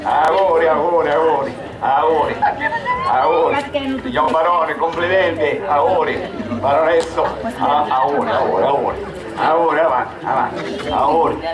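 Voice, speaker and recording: A man with a Sicilian southern Italian accent playing an excitable schemer in an amateur dialect stage comedy, exclaiming and repeating words insistently. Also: a little high, normal speed, natural voice. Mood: effusive. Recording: echoey live theatre, loud crowd noise.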